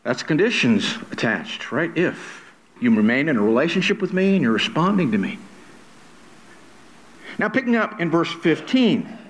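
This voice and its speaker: Male preacher, high bright voice, very animated range, emphatic and repetitive, questions the congregation. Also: normal speed, slight background noise, low-quality recording. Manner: emphatic, repeats key words and asks the congregation questions; reads scripture aloud with a rising, sing-song lilt. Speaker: pastor. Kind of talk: sermon.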